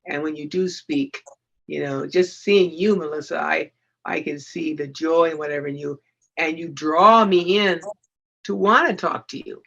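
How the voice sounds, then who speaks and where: A woman co-host speaking gently and affirmingly in a panel discussion. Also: deep voice, moderate pace, vocal fry. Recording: dull lo-fi audio.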